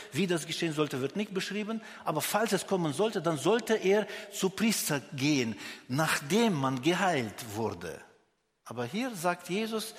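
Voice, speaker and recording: A man's voice: on the high side, big-room sound. A man preaching a sermon, earnestly asking the listener direct questions, with frequent restarts.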